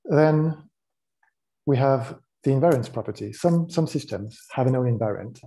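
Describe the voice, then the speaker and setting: A man with a French accent giving a technical conference talk. His voice is mellow and dark, and he explains in a relaxed way, often pausing on "um" and restarting his sentences. French is his first language. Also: medium pitch. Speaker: conference speaker.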